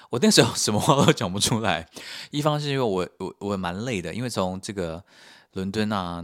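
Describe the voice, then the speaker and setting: A man from Taiwan with a Taiwanese Mandarin accent, hosting a podcast as a casual, animated, self-mocking storytelling monologue. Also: low-pitched. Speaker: podcast host.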